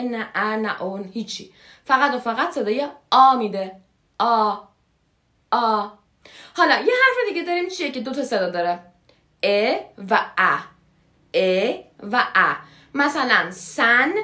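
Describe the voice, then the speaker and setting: A woman teaches Turkish vowel sounds in a relaxed, chatty video lesson, and her pitch sits a little high and moves about a lot. She repeats each sound over and over for the listener to copy. The voice rings with the echo of a bare room.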